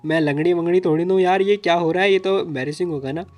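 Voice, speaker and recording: A man's voice: high voice, steady tone, very fast, darkish tone, natural voice. A man doing a sassy young heroine. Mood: protesting. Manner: sassy, exclaiming. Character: feisty young woman heroine.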